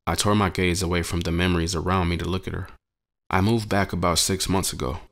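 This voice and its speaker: A man telling a dramatic story in the first person, narrating with a measured, brooding delivery. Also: low voice, little pitch movement, a bit bright.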